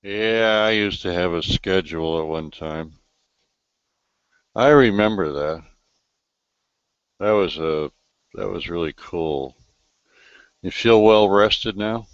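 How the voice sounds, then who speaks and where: Male host, low voice, dry close audio, unhurried and musing. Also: smooth, dry recording, lo-fi sound. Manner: slow, reflective, trailing delivery with fillers. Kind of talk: live online talk show chat. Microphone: video call.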